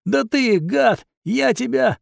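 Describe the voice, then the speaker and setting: A man's voice: medium pitch, lively intonation, moderate pace, gravelly, a little mellow, no room sound. A man voicing a touchy male wizard who squeals his indignant outbursts.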